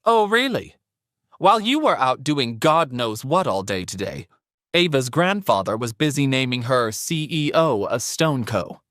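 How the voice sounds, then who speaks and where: A man voicing a cold, shrill, sarcastic wealthy mother-in-law in an audio drama. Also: big pitch swings, moderate pace, a bit bright, no echo, studio quality. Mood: cold sneering. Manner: sarcastic, sneering.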